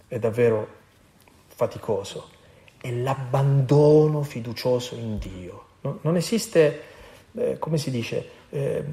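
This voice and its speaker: A man giving an earnest sermon, reading from the Gospel and explaining it with emphatic pauses. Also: mid-range voice, warm tone. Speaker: preacher.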